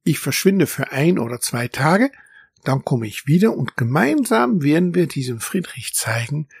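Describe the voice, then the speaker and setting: A man voicing a small, brave and boastful male mouse in a storybook, with a high, squeaky and eager voice. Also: very animated, moderate pace, gravelly, husky, no room sound, clean studio sound, exaggerated voice. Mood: confident.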